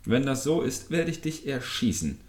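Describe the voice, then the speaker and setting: A man's voice: mid-range voice, sing-song, normal speed, darkish tone, voice pushed up, natural voice. Man doing a hot-tempered grumpy fisherman. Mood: angry. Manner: scolding, threatening.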